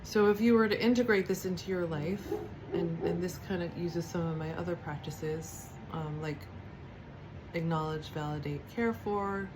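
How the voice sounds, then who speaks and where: Low-voiced woman teaching softly. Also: noisy background. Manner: soft, unhurried, reflective with fillers and restarts. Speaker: spiritual teacher. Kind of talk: devotional teaching talk.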